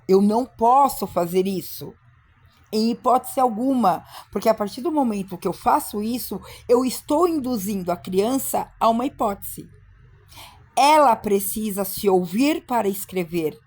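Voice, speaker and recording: A woman's voice: a little high, expressive, normal speed, darkish tone. A woman giving an instructional talk to teachers, speaking emphatically and acting out short classroom dialogues. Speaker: teacher trainer.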